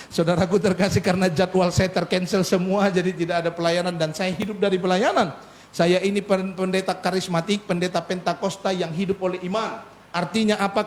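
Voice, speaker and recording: High-voiced animated male pastor preaching. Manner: animated preaching with frequent asides and humor. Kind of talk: sermon. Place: church.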